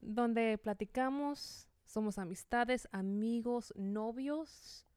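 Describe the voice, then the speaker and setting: A woman co-hosting a podcast with a playful, teasing manner. Her voice sits a little higher than most, and she slips Spanish words into casual chat. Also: takes it slowly, darkish tone, smooth, no echo, clean studio sound. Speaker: podcast co-host.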